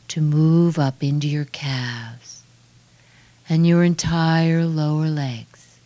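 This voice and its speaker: A woman guiding a relaxation meditation in a soft, hushed, soothing voice with measured phrases that trail off breathily. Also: extremely low pitch, no room sound, muffled recording. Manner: slow, measured phrases with long pauses. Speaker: relaxation guide.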